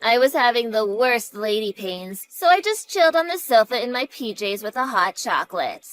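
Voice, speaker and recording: Brief: a woman voicing a defensive, scoffing younger sister in a drama story, fairly high voice over faint music. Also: very animated, moderate pace, fairly bright tone, no echo, rough recording. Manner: snarky, dismissive. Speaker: sister of the main character. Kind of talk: voice acting in a narrated drama story.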